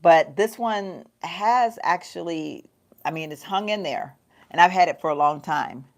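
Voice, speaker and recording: A middle-aged woman with a slightly low voice chats loosely through her makeup routine, calling her viewers y'all. She rambles, laughs often and keeps it casual and homey. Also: unhurried. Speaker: beauty vlogger. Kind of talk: casual get-ready-with-me livestream chat. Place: home.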